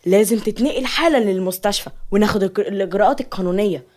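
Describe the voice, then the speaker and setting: A woman's voice: medium pitch, very fast, a little mellow, lightly acted. A stern female doctor speaks firmly with an Egyptian accent. A woman storyteller voices her in a medium voice. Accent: Egyptian Arabic.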